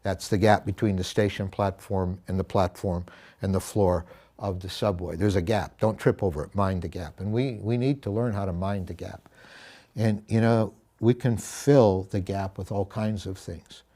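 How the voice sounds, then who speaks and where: Earnest man teaching scripture, mellow voice. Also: sits low, fairly even intonation, normal speed. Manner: earnest, reflective, with self-corrections and asides. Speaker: pastor teaching a Bible study. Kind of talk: conversational Bible teaching.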